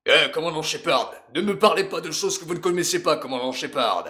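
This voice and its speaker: A man's voice: fairly high pitch, lively intonation, very fast, over a noisy crowd, voice pushed up, close to an everyday voice. A man voicing an angry male alien soldier who talks in a scolding way.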